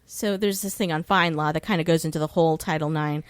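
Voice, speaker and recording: This podcast guest, a woman, has a deep, clear and resonant voice with a steady tone, and she talks fast in a dry recording. She explains legal issues casually and informally, with some swearing and some hesitation while recalling details.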